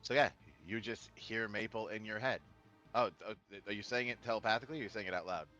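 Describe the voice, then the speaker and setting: A man's voice: on the low side, fairly even intonation, quick pace, pushed and bright, lo-fi sound, faint music behind. A man acting as game master, narrating a tabletop game in a casual, conversational way.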